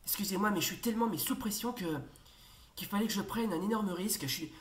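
A woman hosting a football video game let's play, commentating excitedly, shouting at the referee and hesitating often. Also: mid-range voice, fast. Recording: roomy echo, faint noise.

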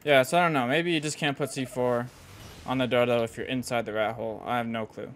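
A man's voice: medium pitch, fairly even intonation, quick pace, a little hiss or hum. A young man giving casual gameplay commentary in slangy, sweary frat-bro talk. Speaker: gaming video host.

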